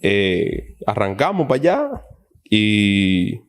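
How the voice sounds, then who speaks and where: A man's voice: lowish voice, drawn-out words. A young man, telling a story as a podcast guest and acting out the dialogue. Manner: animated, acts out quoted dialogue. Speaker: guest baseball player. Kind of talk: casual storytelling interview.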